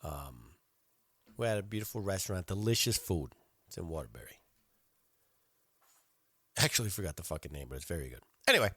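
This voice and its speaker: A middle-aged man rants on his own podcast, cursing through every story. His voice leaps up and down in lively swings, and the recording is dry and close with no room sound. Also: low voice, a little fast, long pauses, breathy edge, no room sound. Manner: profane, animated storytelling with frequent swearing. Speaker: podcast host. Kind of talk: solo podcast rant.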